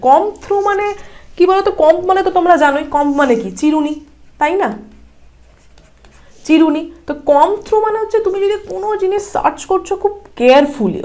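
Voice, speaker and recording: A woman's voice: sits high, darkish tone. A woman from India teaching an online exam-prep lesson, explaining each question step by step and asking the viewer rhetorical questions. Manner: reads English answer options slowly and deliberately.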